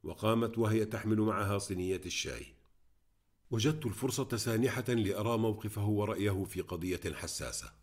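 A man narrating a novel as an audiobook, reading in a steady, measured way. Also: fairly low pitch. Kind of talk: scripted narration.

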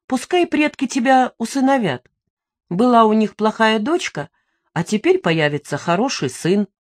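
Woman voicing a defiant young daughter, snappish and sarcastic; slightly raised pitch. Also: very animated, normal speed. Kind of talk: audiobook dialogue reading.

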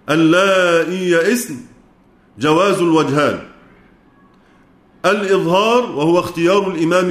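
This Egyptian-accented man's voice sits fairly high and carries a room echo as he teaches Quran recitation. He breaks the lesson into steps and poses questions to the students, which he goes on to answer on his own.

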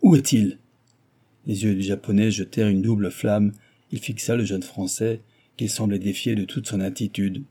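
A man's voice: on the low side, flat delivery, normal speed, dark tone, breathy edge. A man narrating a novel aloud in a dramatic storytelling delivery. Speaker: audiobook narrator.

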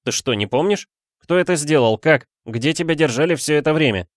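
A man doing a pushy excited young student. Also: fairly high pitch, a little fast, dry recording, studio quality, voice pushed up, lightly acted. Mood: agitated. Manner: insistent, excited. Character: agitated young male student, pushy and loud.

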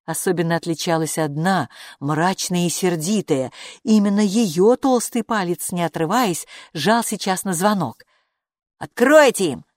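A woman narrating a children's story audiobook in an expressive storytelling manner. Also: lowish voice, normal speed, no echo, studio quality.

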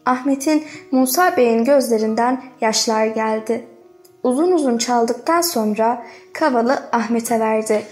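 A woman narrating a literary novel as an audiobook, reading in a measured, dramatic way. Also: a little high, a little mellow, soft background music.

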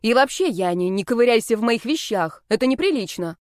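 A woman voicing a hot-tempered young witch who scolds and threatens in shrill outbursts. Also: lively intonation, a little fast, no room sound, clean studio sound, natural voice. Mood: scolding.

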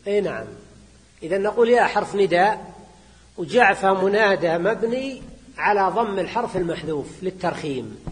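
High-pitched sheikh teaching grammar, reads then explains, keeps repeating and quizzing students, big echoey hall. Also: male voice, expressive. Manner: repeats phrases and quizzes students with quick questions. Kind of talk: classroom lecture, reading a text then explaining it. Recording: reverberant lecture hall.

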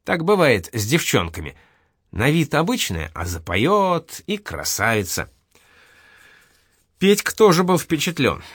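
Man, audiobook narration, lively intonation, dry close sound. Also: mid-range voice, no room sound. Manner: expressive reading.

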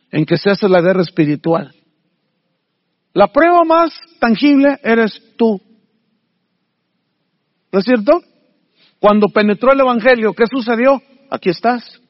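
High-voiced preacher, dull dry recording. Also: male voice, dry recording, in a large hall. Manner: animated preacher, rhetorical questions, acts out dialogue. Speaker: pastor. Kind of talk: sermon.

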